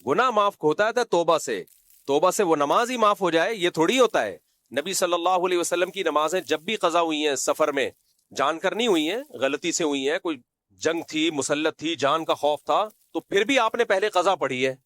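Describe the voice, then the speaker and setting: A man's voice: fairly high pitch, fairly bright tone, no room sound. Sarcastic, scolding male religious scholar. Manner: scolding, sarcastic, mimics others; recites Arabic quotations. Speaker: Islamic scholar. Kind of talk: religious lecture.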